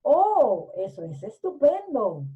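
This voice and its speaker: A woman's voice: high-pitched, lively intonation, slow pace, narrow, tinny audio, exaggerated voice. A woman doing a sly big bad storybook wolf, sugary. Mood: coaxing. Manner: coaxing, sugary voice put on to fool.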